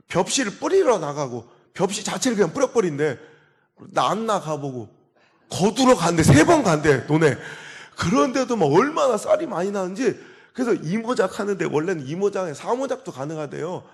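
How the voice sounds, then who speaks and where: A man in his forties, a pastor preaching a revival sermon, telling stories with sudden loud outbursts and quiet asides. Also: high voice, big pitch swings, normal speed. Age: 40s.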